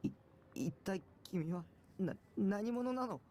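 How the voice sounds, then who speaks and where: A man's voice: high-pitched, lively intonation, normal speed, a little mellow. A man voicing a timid, nervous teenage boy who stammers, in an anime-style game clip. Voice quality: stammering, hesitant.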